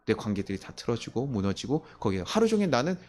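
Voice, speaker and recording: A man's voice: medium pitch, very animated, quick pace, a little mellow. A man preaching a sermon as pastor in a church, talking conversationally with many rhetorical questions and chuckling at his own stories.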